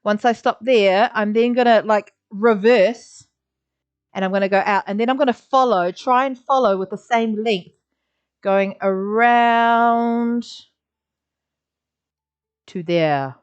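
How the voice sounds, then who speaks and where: With a clear, resonant, medium-pitched voice at normal speed, this art teacher runs a live online drawing lesson. She keeps up an encouraging chatter and little drawing sound effects, though the recording is a bit dull and lo-fi.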